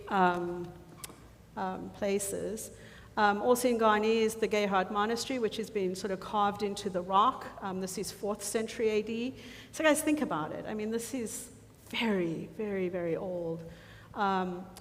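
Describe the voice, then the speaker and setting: A woman presenting a mission trip slideshow to a church congregation, chatty and full of ums, often losing her thread and starting over. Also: medium pitch. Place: church sanctuary. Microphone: handheld or lapel mic. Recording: reverberant church hall, faint noise.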